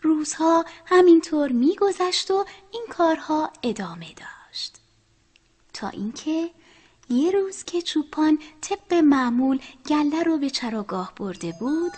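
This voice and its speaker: A woman telling a children's story, speaking to the children and often dropping to a soft whisper. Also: sits high, big pitch swings, soft background music.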